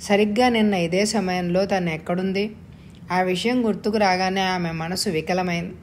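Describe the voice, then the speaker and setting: Woman reading a story aloud, steady. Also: on the low side, normal speed, slight background noise. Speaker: story reader.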